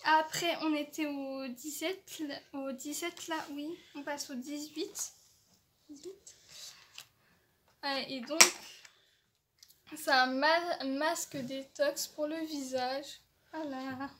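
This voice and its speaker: Woman, high voice, slow delivery, hesitant with lots of fillers, gushing casual unboxing. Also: fairly even intonation, a bit bright, a little hiss or hum. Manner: hesitant, many fillers and restarts; enthusiastic about products. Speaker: beauty vlogger. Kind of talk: casual advent calendar unboxing.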